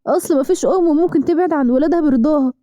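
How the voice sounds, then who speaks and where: A woman with an Egyptian accent voicing a gentle young woman who speaks softly and earnestly. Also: high voice, racing, lightly acted.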